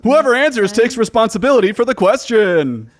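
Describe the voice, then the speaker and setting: Goat-headed undead ringmaster played by a man, raised loud voice, showy fighting game announcer delivery for a tabletop game. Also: high-pitched, animated, brisk, voice pushed up. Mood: commanding, menacing. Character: goat-headed undead ringmaster, booming showman hosting a deadly contest.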